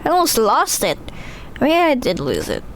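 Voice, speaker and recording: A woman voicing a weary, isolated witch, reading game dialogue slowly and subdued. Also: fairly high pitch, wildly swooping pitch, a little hiss or hum, low-quality recording.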